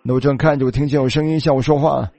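Man, preacher, sermon storytelling, warm dark tone, dry close sound, filler-laden phrasing. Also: mid-range voice, fairly even intonation, racing, creaky, no room sound. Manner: starts many phrases with a filler "那". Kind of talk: sermon storytelling in Chinese voice-over.

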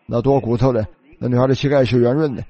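A man's voice: medium pitch, steady tone, fast talker, lo-fi sound. A man preaching a sermon, telling a story and starting many phrases with a filler. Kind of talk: sermon storytelling in Chinese voice-over.

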